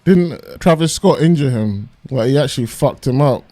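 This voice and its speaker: A man's voice: mid-range voice, expressive, normal speed, warm tone, slight background noise. A man giving casual, off-the-cuff reaction commentary, slangy and musing aloud as he goes.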